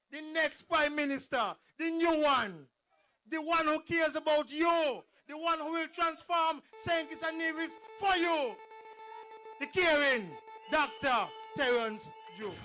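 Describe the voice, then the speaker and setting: A man's voice: extremely high pitch, pushed and bright. A man with a Kittitian accent giving a fiery campaign speech at an outdoor rally, rousing and repetitive, calling out to the crowd. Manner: rousing, repeats phrases, calls to the crowd. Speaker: political rally speaker.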